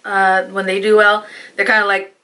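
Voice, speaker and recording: Bright-voiced woman vlogger chatting. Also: mid-range voice, normal speed, poor audio. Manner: chatty and animated, laughs often. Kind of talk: casual chat to camera.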